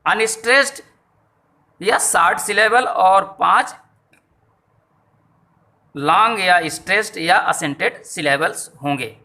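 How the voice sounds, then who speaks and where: Slow, bright-voiced teacher. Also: male voice, sits high. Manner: slow, repetitive explaining to students. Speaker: English teacher. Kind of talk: classroom lesson on poetry meter.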